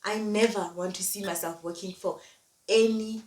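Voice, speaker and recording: A woman's voice: mid-range voice, fairly even intonation, fairly quick, darkish tone. Emphatic woman in echoey room. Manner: emphatic, repeats key phrases. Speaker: vlogger. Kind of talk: motivational monologue. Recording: echoey room, distant mic, faint noise.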